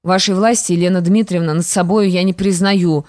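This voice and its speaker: A woman's voice: fairly low pitch, steady tone, fairly quick, a little mellow, no echo, close to an everyday voice. Lady reader doing a defiant young stepdaughter, firm and reproachful, dry close sound. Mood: indignant. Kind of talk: audiobook character reading.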